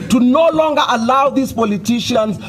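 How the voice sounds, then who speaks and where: A man's voice: extremely high pitch, moderate pace, slight background noise. A man with a Kenyan accent gives a fiery revolutionary political speech as an activist spokesperson, rallying people with repeated phrases and call and response. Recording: loud crowd responding around speaker. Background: crowd answering and chanting.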